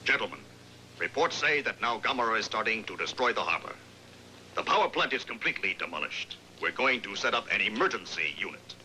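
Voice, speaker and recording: A man's voice: on the low side, sing-song, a little fast, pushed and bright, a little hiss or hum, heavily acted, low-quality recording. A man playing a grave, commanding army general in a dubbed science-fiction monster film.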